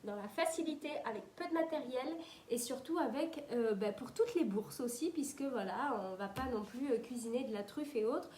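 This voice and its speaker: A woman's voice: a little high, animated, moderate pace, mellow, a little hiss or hum. A woman hosting a live cooking stream, chatty and upbeat, greeting viewers and reading their comments as she works. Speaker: cooking host. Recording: echoey kitchen with clattering utensils.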